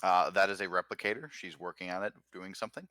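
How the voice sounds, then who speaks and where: A man narrating as game master, relaxed and full of fillers. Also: low voice, fast, a crowd in the background. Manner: relaxed, filler-heavy narration with many uhs.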